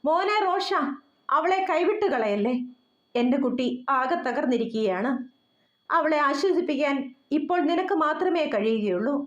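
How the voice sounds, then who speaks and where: Woman voicing a grieving father, tender and pleading, storybook figure, high-pitched, roomy sound. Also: animated, normal speed. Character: grieving aging father, loving, tearful. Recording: roomy, dull lo-fi.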